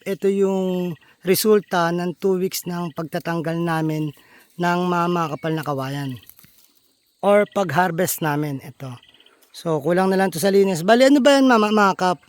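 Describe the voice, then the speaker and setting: A man hosting a casual outdoor vlog in a bamboo grove, explaining in a friendly, chatty way and often addressing viewers as buddies. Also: sits high. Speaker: vlogger host.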